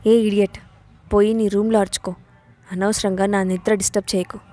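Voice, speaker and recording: A woman's voice: medium pitch, fairly even intonation, a little fast, a little mellow, natural voice. A woman voicing a sarcastic, irritable young husband. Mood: curt, irritated. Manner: curt, sarcastic.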